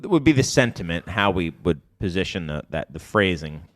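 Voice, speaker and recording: A man's voice: sits low, animated, fairly quick, no echo. A man co-hosting a casual podcast chat, rambling and correcting himself as he goes. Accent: Chicago. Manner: rambling, self-correcting, hedging. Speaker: podcast co-host, beer bar owner.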